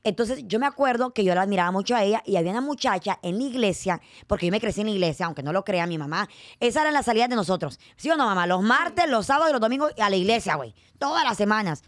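Young woman, talks fast, playful host, dry close mic. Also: medium pitch, no echo. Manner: lively, fast-talking, playful storyteller. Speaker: podcast host. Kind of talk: casual chat.

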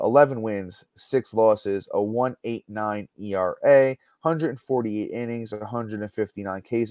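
A man's voice: fairly low pitch, darkish tone, no room sound. Man, podcast host, casual chat, stats and fillers, dry close sound. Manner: chatty, stat-heavy, many fillers and restarts. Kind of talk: casual sports podcast talk.

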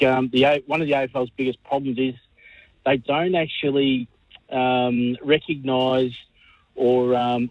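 Aussie guy calling radio, halting, pretty monotone, muffled lo-fi line. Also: medium pitch, no echo. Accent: Australian. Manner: halting, hesitant delivery. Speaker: talkback radio caller. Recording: dull lo-fi caller line.

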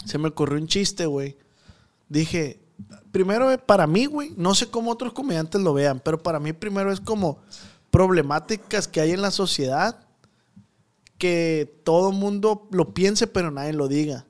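A man, talking in a somewhat high voice. His talk is loose and slangy, full of fillers and restarts, like a relaxed podcast host trading stories with a friend. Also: normal speed. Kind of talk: casual chat.

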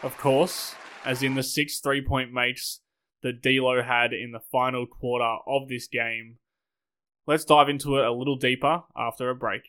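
A man hosting a podcast with a hoarse, sick voice, talking in an upbeat, wordy way. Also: medium pitch, little pitch movement, a little slow, pushed and bright. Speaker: podcast host. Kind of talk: scripted podcast talk.

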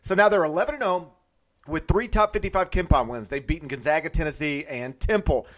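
Higher-voiced Mississippi man hosting sports talk. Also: brisk, a bit bright. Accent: North Mississippi. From Mississippi, United States. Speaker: sports podcast host. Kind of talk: conversational sports commentary.

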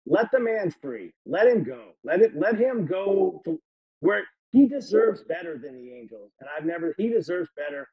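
A man on a sports podcast panel ranting in an exasperated way, with halting restarts. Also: on the high side, big pitch swings, breathy edge, highs cut off. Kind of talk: casual sports podcast rant.

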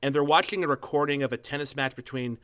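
A man interviewing a guest, asking measured, curious questions. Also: medium pitch, a bit bright.

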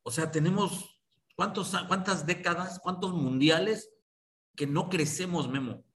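A man's voice: fairly high pitch, unhurried, a bit bright. A Mexican man in his fifties, a sports journalist, pressing his point insistently in a debate and repeating the guest's name. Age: 50s.

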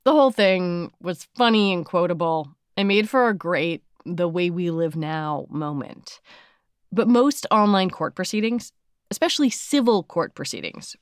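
A woman's voice: lowish voice, smooth, no room sound, studio quality. A woman hosting a podcast, moving between scripted narration and interview questions. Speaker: podcast host.

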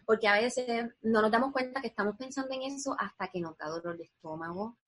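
A woman with a fairly high, husky voice talks as a guest in a relaxed interview. She is earnest and reflective and walks through her ideas one step at a time. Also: brisk. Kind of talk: casual interview conversation.

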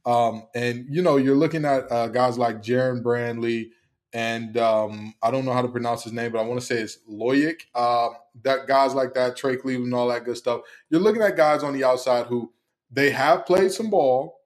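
A man's voice: mid-range voice, fairly even intonation, moderate pace. A man hosting a solo football preview, talking emphatically with many fillers and repeated phrases. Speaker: sports analyst host. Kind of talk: solo sports preview commentary.

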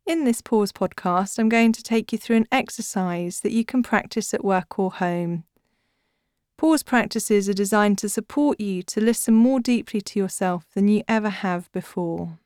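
A woman podcast host reading scripted guided relaxation in a soothing, measured manner, like a sleep story narrator. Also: mid-range voice, darkish tone, clear, resonant tone, no echo, studio quality. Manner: soothing, measured, deliberate phrasing. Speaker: podcast host and author guiding breathing practices.

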